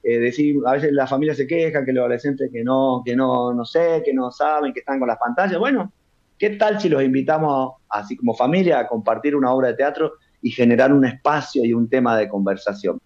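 A man's voice: mid-range voice, brisk, darkish tone, lo-fi sound. A middle-aged Argentine man, a puppeteer and cultural manager, chatting enthusiastically as a guest on a TV interview. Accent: Argentine Spanish. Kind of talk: TV interview, promoting a festival.

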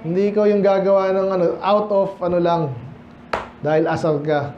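This pastor from the Philippines, preaching at a church hall's midweek Bible study, keeps a moderate pace in his high-pitched voice, talking conversationally, blending English and Tagalog, and often quizzing the congregation. The recording is muffled and echoey, with slight background noise.

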